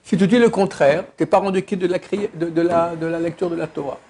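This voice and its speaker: Emphatic rabbi, fairly high voice. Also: male voice, fairly even intonation, fairly quick, a little mellow, slight background noise. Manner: emphatic, repeats Hebrew words to stress the syllable; stumbles and restarts often. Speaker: rabbi teaching a class. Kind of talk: religious lesson.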